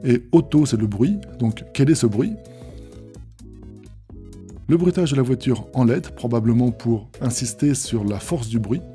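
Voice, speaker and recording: A man's voice: mid-range voice, a little slow, pauses often, mellow, faint music behind. A man teaching a lesson, reading Japanese phrases aloud and then explaining each one patiently and step by step. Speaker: language teacher. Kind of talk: explanatory lesson on manga text.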